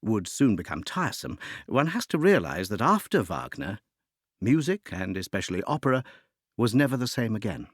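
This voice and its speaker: Narrating a music introduction, a man delivers scripted, articulate educational material with rhetorical phrasing. His fairly low voice swings widely and expressively in pitch, very animated, at a normal speed. The recording is dry, with virtually no room sound around him.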